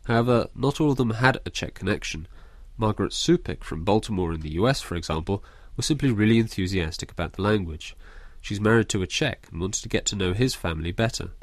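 A male radio reporter reading a scripted narration in a measured way. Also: on the low side, lively intonation, no room sound, studio quality.

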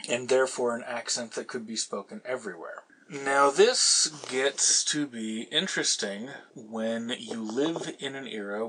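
A man's voice: medium pitch, a bit bright, slight background noise, poor audio. Man lecturing casually with ums. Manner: digressive, lecturing, with frequent ums and repeated words. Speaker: podcast host answering a listener question. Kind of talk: casual explanatory talk.

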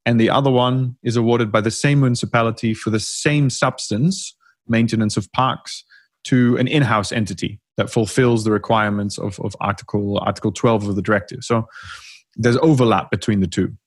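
A man's voice: lowish voice, moderate pace, dry recording. Chatty man explaining a court case. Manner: animated, self-mocking, frequent restarts. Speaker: podcast co-host. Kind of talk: casual expert discussion.

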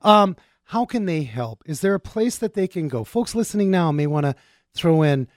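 A man's voice: fairly high pitch, animated, moderate pace, dry recording, clean studio sound. A man hosting a casual radio talk show in an informal, exclamatory way with punchy asides.

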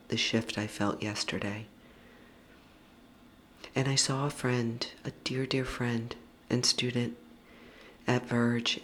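Solo podcast host, heartfelt and earnest, slow with soft breathy whispers. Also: medium pitch, slight background noise. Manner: unhurried, with lingering pauses.

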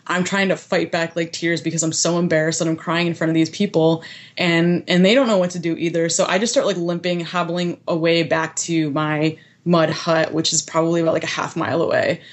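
A young woman from the United States tells a story in a relaxed, chatty way. Her voice sits a little low, and she laughs often and fills her sentences with "like.". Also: brisk. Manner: animated, heavy use of "like" fillers, laughs often. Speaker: guest recounting a past experience. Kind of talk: casual storytelling.

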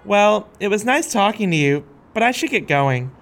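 A man voicing a flat, bored young woman fashion model in a comedic screenplay read-through, with clipped, deadpan replies. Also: high voice, normal speed, pitched above the performer's own voice, exaggerated voice.

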